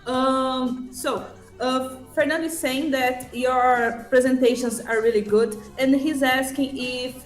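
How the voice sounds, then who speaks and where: A woman with a high, bright-toned voice interprets live, relaying questions in English and summarizing answers in quick Portuguese. Her voice rings in a roomy space, and music plays softly behind her. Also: fairly even intonation.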